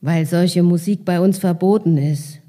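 A woman reading aloud, voicing an irritated teenage boy with a lowered, stern and pressing voice. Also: steady tone, unhurried, warm tone, natural voice. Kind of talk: literary reading.

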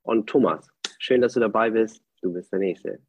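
A man's voice: on the low side, normal speed, a little mellow, husky, no echo. Upbeat Spanish-born man on a call. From Spain. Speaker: panelist. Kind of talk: online launch event presentation. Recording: dull dry online call audio.

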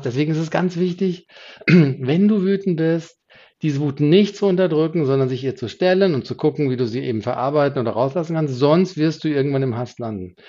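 A man's voice: medium pitch, dark tone, muffled recording. A man hosting a podcast, explaining emotions in a solo teaching talk. He rises and drops his voice often and restarts sentences as he thinks. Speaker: podcast host.

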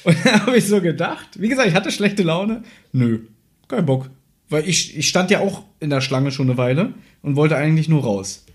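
A man's voice: on the high side, a little fast, hardly any pauses. A man co-hosting a casual chat, telling a story and defending himself in an argumentative way. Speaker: podcast co-host.

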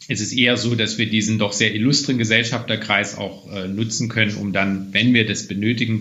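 Thoughtful man with a low voice. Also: bright, forceful tone, dull audio. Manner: thoughtful, many fillers and restarts. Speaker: museum director. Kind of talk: podcast interview answers.

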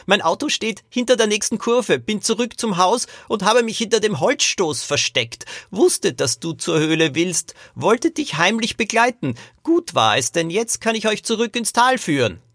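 A man voicing a gruff, secretive old great-grandfather in a high, cackling voice for a children's audio story. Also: sing-song, moderate pace, few pauses, a bit bright, dry recording, studio quality, exaggerated voice. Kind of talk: audiobook character voice.

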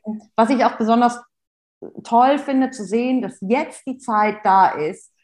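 A woman's voice: a little high, a little slow, darkish tone. A woman hosting a podcast interview, affirming and filler-heavy. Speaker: podcast host.

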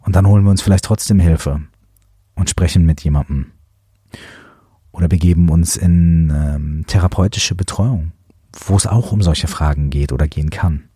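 A man hosting a coaching podcast, talking in a gentle, musing way with many fillers. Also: sits low, moderate pace, slightly rough, dry recording, studio quality. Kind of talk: reflective podcast monologue.

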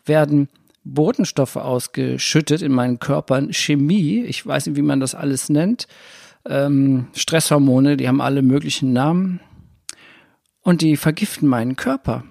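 A man talks through a spiritual self-help podcast in a loose, rambling way, often restarting his sentences. His voice is gravelly and husky at a middle pitch. The sound is dry and close to the mic. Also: moderate pace, a little mellow, dry recording. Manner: rambling, self-correcting, conversational. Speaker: podcast host.

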